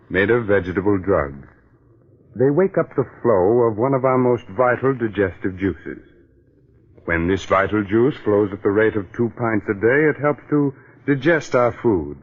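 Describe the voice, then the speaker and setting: A man playing a sly, teasing mystery host on 1940s radio, speaking in a deliberate, mock-soothing way. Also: on the low side, husky. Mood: promotional. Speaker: mystery show host and sponsor announcer. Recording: muffled 1940s radio broadcast, music behind.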